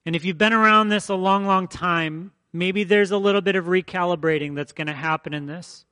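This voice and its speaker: Man, pastor, conversational sermon, emphatic repetition, somewhat high pitch, dry recording. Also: fairly quick, bright, forceful tone, smooth, no echo. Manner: conversational, emphatic preaching with repeated phrases.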